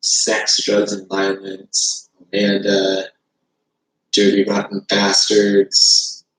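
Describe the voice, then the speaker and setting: A man's voice: fairly low pitch, monotone, very slow. A man in an old video, hesitantly listing his favorite songs with many fillers. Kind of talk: casual music review. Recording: echoey room.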